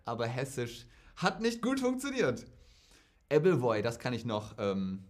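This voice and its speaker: Brief: young German man, casual chatty Q&A host, lively, mid-pitched voice. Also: a little slow. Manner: lively, chatty, acts out quoted speech. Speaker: German tutor answering viewer questions. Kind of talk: casual Q&A vlog.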